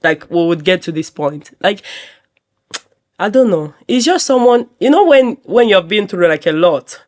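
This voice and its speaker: A woman's voice: lowish voice, measured pace. A woman with a Nigerian accent, a model chatting as a podcast guest, laughing often and slipping into Pidgin. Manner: laughing, animated, mixes in Pidgin. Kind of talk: casual interview.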